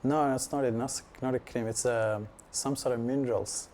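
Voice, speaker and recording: A man from Nepal, giving a casual personal testimony at a devotional gathering in a relaxed, halting way full of 'you know' fillers. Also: mid-range voice. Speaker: devotee sharing his practice at a gathering.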